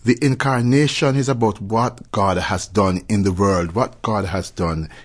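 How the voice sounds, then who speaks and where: A man with a Jamaican accent speaking as an interview guest and church leader, explaining in measured, deliberate phrases. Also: lowish voice.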